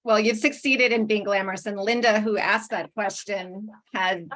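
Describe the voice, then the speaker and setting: A woman moderating a book club on a video call, asking questions in a friendly, measured way. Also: mid-range voice, steady tone, fairly bright tone. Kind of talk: conversational interview.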